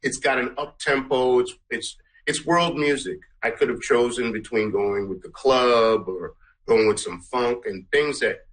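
A Guyana-born middle-aged musician and song producer from Canada answers interview questions conversationally, feeling for his words and repeating phrases for emphasis. His mid-range voice is fairly bright and measured in pace, on a low-quality recording.

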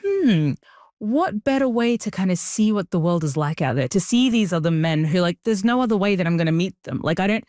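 A young woman, telling her story as an interview guest, animated and full of fillers. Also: fairly low pitch, brisk, dry recording, studio quality. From Sudan. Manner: animated, with frequent "like" and "you know" fillers. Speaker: guest, engineer and writer. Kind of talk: interview conversation.

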